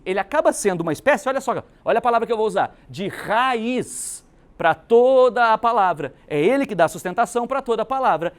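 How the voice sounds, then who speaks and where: A male Brazilian teacher leads an exam-prep grammar lesson in a high, lively voice. His delivery is emphatic and animated, rising and falling a lot. He keeps checking in with his students as he explains. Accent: Brazilian Portuguese.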